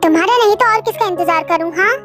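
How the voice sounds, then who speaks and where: A fretful young wife and mother, as a performer plays her, with a very high, thin voice. She talks in a pleading, complaining way, worn out by her children, and clear music plays behind her throughout. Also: fast talker, fairly bright tone. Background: background music.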